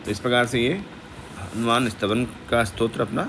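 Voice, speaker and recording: A man teaching the pronunciation of a Sanskrit hymn, explaining quickly and then reciting the verses slowly. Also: mid-range voice, background noise.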